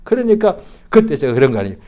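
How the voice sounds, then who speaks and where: A male pastor giving a Christmas sermon in church, swinging from loud outbursts to hushed, quiet speech. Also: on the high side, sing-song, quick pace. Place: church service.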